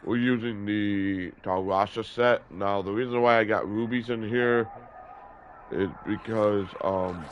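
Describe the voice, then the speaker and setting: Sick with a cold that leaves him stuffy and sore-throated, a man in his thirties hosts a gaming video, offering loose gameplay commentary packed with fillers and self-corrections. His voice is on the low side, steady and unhurried. The audio is dull, lo-fi and noisy in the background.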